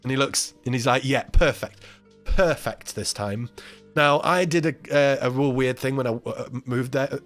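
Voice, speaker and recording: A man hosting a live stream tells a story in casual chat, his medium-pitched voice moving at a moderate pace with few pauses over faint background music. He's animated, acting out the voices of the people in the story, laughing often and swearing.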